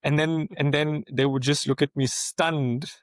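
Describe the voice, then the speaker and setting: A man from South Africa with a South African accent, a guest in a casual interview, telling lively anecdotes and laughing often. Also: fairly high pitch, unhurried, no echo.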